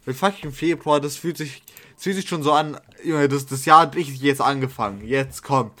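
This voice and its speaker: A man's voice: medium pitch, normal speed, sharp tone. A young man in casual chat with friends, rambling with fillers, slang and swearing.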